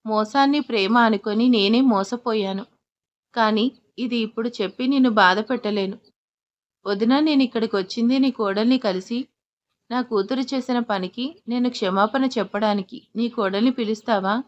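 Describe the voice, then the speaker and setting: An ashamed middle-aged mother speaks in a storybook drama, voiced by a woman narrator. She talks in an apologetic, subdued way, with a fairly high voice on a dull recording. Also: normal speed, lightly acted.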